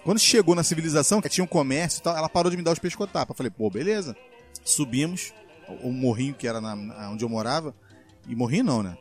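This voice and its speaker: A man's voice: a little high, fast, faint music behind. A man, telling a childhood story on a podcast and acting out the other people in it. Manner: animated, acts out his mother's lines. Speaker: podcast co-host. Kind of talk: casual storytelling.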